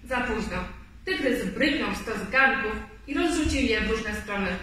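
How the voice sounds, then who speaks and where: A woman reading a children's story aloud in a clear, expressive way. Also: fairly high pitch, moderate pace. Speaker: storybook reader. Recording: echoey room, far mic.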